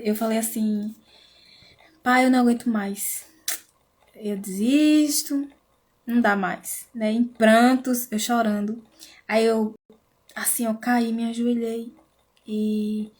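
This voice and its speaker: A woman hosting a casual devotional live stream, talking intimately with soft asides and fillers. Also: a little high. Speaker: live-stream host sharing a devotional book.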